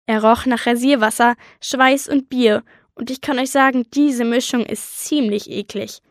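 Woman reading a kids book out loud, lively, kinda high voice, dry studio sound. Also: dry recording. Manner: lively storytelling, voicing a young girl narrator. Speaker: audiobook reader. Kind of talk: scripted first-person audiobook narration.

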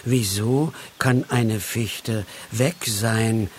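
A man doing a calm, thoughtful older wanderer. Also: mid-range voice, measured pace, slight background noise, lightly acted. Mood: puzzled. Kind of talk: storybook reading.

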